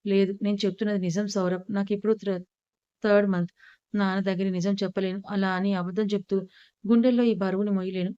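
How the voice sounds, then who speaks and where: A woman's voice: medium pitch, dark tone, clean tone, no room sound, dull audio, natural voice. A woman reading the part of a heartbroken, ashamed young woman who pleads through tears. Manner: tearful, pleading.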